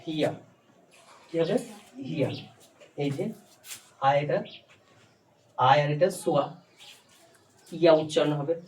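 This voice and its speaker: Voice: mid-range voice, takes it slowly, pauses often. Patient teacher quizzing a learner, far mic. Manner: patient, quizzing with repeated questions. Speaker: spoken English teacher. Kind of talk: phonics lesson in Bengali. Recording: distant mic, faint background noise.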